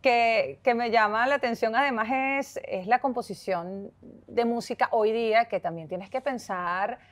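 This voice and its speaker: A woman hosting an interview, asking questions with animated enthusiasm. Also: on the high side, a little slow. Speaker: interview host. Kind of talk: conversational interview.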